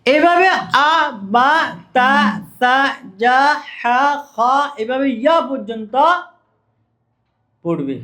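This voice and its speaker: High-voiced man coaching reading teachers. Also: fairly bright tone. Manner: asks and answers his own questions, drills syllables slowly. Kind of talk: teacher training lecture.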